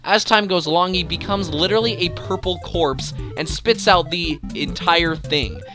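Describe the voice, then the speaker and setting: Music plays under this man's high-pitched voice as he hosts a scripted top-ten video at a moderate pace. He's the video creator and countdown host, and his commentary is enthusiastic and emphatic.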